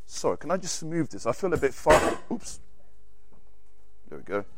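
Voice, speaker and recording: Amid heavy background noise, a man with a non-native English accent and a voice on the high side preaches a sermon to his congregation at a moderate pace. Animated, he reads scripture aloud and slips in self-correcting asides.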